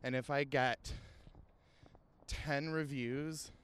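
Man, podcast host, mid pitch, eager and jokey, walking outdoors, faint background noise. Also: steady tone, fairly bright tone. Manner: enthusiastic, jokey, quick to laugh. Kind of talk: casual chat while walking. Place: outdoors in a cemetery.

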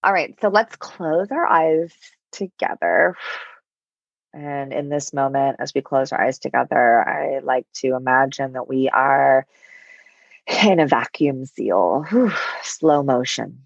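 Slow, creaky woman guiding a meditation softly. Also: a bass voice, dry recording, highs cut off. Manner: soft, soothing, long pauses. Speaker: meditation guide. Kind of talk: guided meditation.

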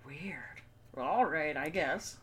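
A woman's voice: deep voice, animated, extremely slow, husky. A woman chatting casually as a podcast co-host, reacting to a story.

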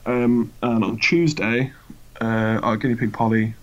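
A man's voice: medium pitch, fairly even intonation, measured pace. A British man talking casually, like a podcast co-host chatting with a friend. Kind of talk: casual chat. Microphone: remote internet voice call. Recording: slightly dull, lo-fi internet call audio.

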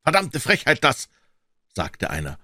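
A man voicing an agitated townsman in a crowd who talks in an excited, indignant, raised voice. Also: a little high, normal speed, dry recording, clean studio sound, pitched above the performer's own voice.

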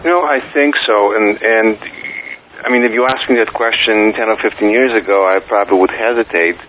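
A middle-aged man from Poland, speaking with a Polish accent, is interviewed as a guest on what sounds like a tinny phone connection with a light hiss. His lowish voice moves a little fast, and his manner is relaxed but halting, full of filler words.

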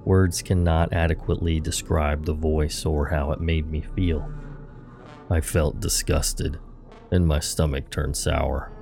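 Super deep guy reading a creepy story, flat, gravelly, soft music under. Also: a little slow. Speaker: podcast host and narrator. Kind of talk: scripted horror story narration.

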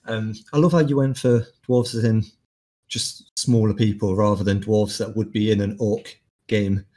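A man's voice: lowish voice, normal speed. A man co-hosting a podcast, casually retelling stories with plenty of ums. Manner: relaxed storyteller, uses lots of fillers. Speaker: podcast co-host. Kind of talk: casual chat.

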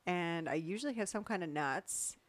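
Forties woman co-host, self-mocking, giggles, animated pitch. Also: moderate pace, no room sound. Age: 40s. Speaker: podcast co-host. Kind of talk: casual chat.

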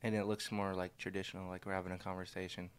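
A young man co-hosting a podcast, asking easygoing questions. His voice sits on the low side. Faint hiss sits in the background. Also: flat delivery, quick pace. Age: young adult. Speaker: podcast co-host, stepson. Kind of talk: casual chat.

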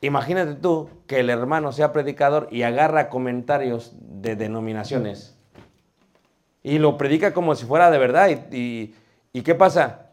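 A man with a Mexican accent teaching a class on preaching, animated and full of rhetorical questions. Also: medium pitch, moderate pace. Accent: Mexican Spanish. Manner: animated, asks rhetorical questions, homely cooking comparisons. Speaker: preaching instructor. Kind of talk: lively class lecture.

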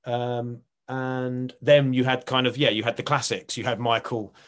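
A man's voice: medium pitch, level tone, moderate pace, a bit bright. A middle-aged man with an Essex accent, reminiscing casually as an actor in an interview, rambling and often correcting himself. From Essex, England. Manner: chatty, rambling, self-correcting. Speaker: actor and writer being interviewed.

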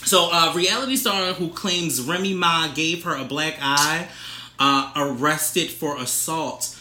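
A man's voice: fairly high pitch, slow pace, bright, forceful tone, reverberant. A young man, co-hosting a casual, profane celebrity gossip chat and reading news items aloud with commentary. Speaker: podcast co-host.

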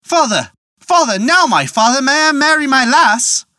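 A storyteller playing a boastful young man in a folk tale, exclaiming in a high, excited way. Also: normal speed, dry recording, studio quality. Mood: eager.

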